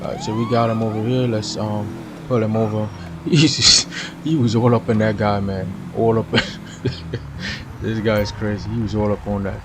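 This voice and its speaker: Over some background noise, a man with a Trinidadian accent streams a police game at normal speed, his lowish voice keeping a steady tone. The Trinidad-born streamer chats casually with viewers and laughs plenty.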